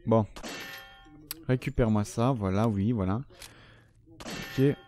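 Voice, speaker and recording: A man's voice: on the low side, slow, dark tone, soft background music. A man giving casual gameplay commentary, chatting loosely, swearing often and talking to the enemies on screen. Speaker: gaming channel host.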